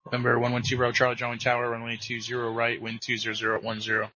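Rapid-fire male air traffic controller on radio. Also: medium pitch, monotone, pushed and bright, dry recording. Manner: brisk, procedural. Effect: radio transmission. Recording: muffled lo-fi radio audio.

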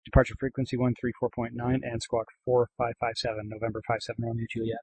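A man speaking as a pilot, reading back clearances and making calls in aviation phraseology. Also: mid-range voice, little pitch movement, fast, darkish tone, no room sound, low-quality recording. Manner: frequent throat clearing. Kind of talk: aviation radio readbacks.

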